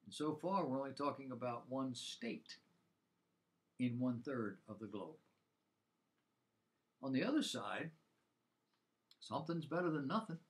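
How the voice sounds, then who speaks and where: A man's voice: mid-range voice, lively intonation, measured pace, pauses often. A man presenting a scripted Bible program, mixing commentary with rhetorical questions and an emphatic delivery.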